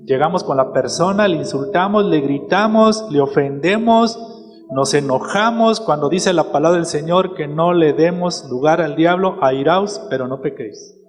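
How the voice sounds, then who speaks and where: Mexican pastor preaching in an echoing church. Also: male voice, fairly high pitch, moderate pace. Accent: Mexican Spanish. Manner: preaching with rhetorical questions to the congregation. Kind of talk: sermon. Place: church hall. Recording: reverberant church hall with music.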